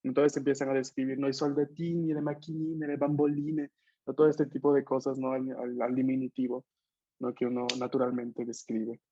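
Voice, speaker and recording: A male language teacher talks a class through grammar, explaining patiently and ending many phrases with a questioning "no?". His voice sits at a middle pitch. The call audio is dry and a little dull and lo-fi. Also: little pitch movement, normal speed, mellow, no room sound. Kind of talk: online Italian class taught in Spanish. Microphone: computer mic on a video call.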